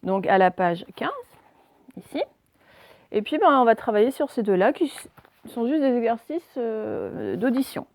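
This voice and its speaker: Primary teacher, woman, gravelly tone, dry close sound, patient and deliberate with young learners. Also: fairly high pitch, big pitch swings, darkish tone, dry recording. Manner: slow, carefully articulated words for dictation. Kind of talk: remote phonics lesson for young children.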